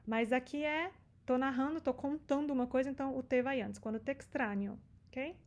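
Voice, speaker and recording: A Brazilian woman teaching a language lesson on song lyrics, patiently slowing down and repeating words to show how they sound. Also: high voice. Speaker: Spanish teacher.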